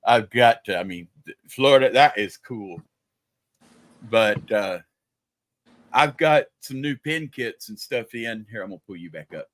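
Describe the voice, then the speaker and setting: A man's voice: on the low side, lively intonation, moderate pace, fairly bright tone, no echo. An older man, a grandfather, chatting casually and telling stories on a livestream. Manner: chatty storyteller. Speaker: livestream panelist. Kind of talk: casual chat.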